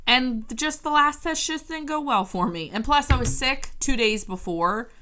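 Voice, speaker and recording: A woman's voice: high voice, moderate pace, bright, forceful tone. A young woman from the United States hosting a podcast, talking through a casual, earnest rant full of fillers. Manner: chatty, earnest, filler-heavy. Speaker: podcast co-host.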